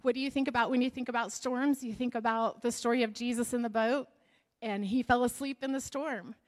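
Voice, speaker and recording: Lively woman preacher, high voice. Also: a little fast. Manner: lively, shifts to soft whispered prayer; laughs often, chatty asides. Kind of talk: sermon.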